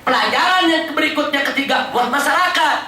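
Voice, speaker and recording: A man preaching a sermon, telling stories in a lively way and often addressing the crowd directly. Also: extremely high pitch, fairly quick, slight background noise. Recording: echoey hall, distant mic.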